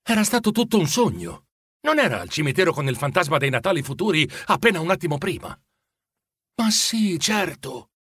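A man narrating a children's storybook in an expressive, animated way. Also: fairly high pitch, quick pace, husky, dry recording, studio quality. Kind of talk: storybook reading.

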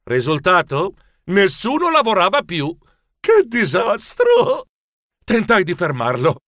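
A high, flustered mouse narrator. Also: male voice, moderate pace, no echo, studio quality, heavily acted. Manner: expressive, easily flustered. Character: anxious fussy male mouse narrator. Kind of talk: audiobook narration.

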